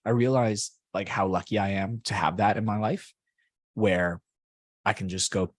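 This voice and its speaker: Low husky young man, rambling chat. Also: steady tone, moderate pace, dry recording, clean studio sound. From Canada. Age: young adult. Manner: rambling, many fillers and restarts. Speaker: guest. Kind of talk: casual interview chat.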